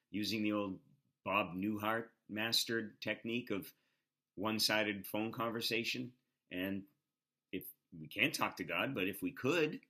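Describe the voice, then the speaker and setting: A man hosting, explaining comedy clips in a relaxed, explanatory way with hesitant fillers. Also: fairly low pitch. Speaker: host.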